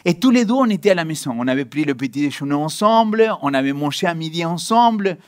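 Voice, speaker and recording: A man's voice: a little high, expressive, quick pace. A man, a pastor, giving a sermon from a church stage, telling stories and acting out both sides of the scene.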